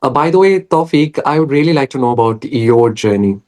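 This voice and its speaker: A man's voice: mid-range voice, expressive, brisk, darkish tone. Young man, Indian English accent, podcast guest, earnest coaching tone, English trainer. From West Bengal, India. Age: young adult. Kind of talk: casual podcast conversation.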